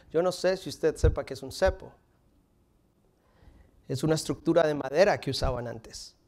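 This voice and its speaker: A pastor in his thirties preaches from an indoor stage in front of a curtain, his voice fairly high. He's animated, pressing hard on strong lines and then sinking to hushed, intimate near-whispers for emphasis, while a room mic picks him up from across the stage.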